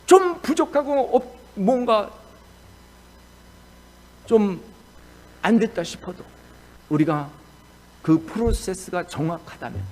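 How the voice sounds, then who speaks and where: A male pastor preaching a sermon in a lively, animated storytelling style. His voice sits fairly high and swings widely in pitch. It comes across warm and engaged. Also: slow, pauses often.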